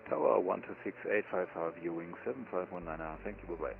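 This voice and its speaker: A man reading back controller instructions as a pilot, in quick clipped phrases over a headset radio transmission. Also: deep voice, gravelly, narrow, tinny audio, music in the background. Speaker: pilot on a flight sim network. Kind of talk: radio readback. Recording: distant radio voice.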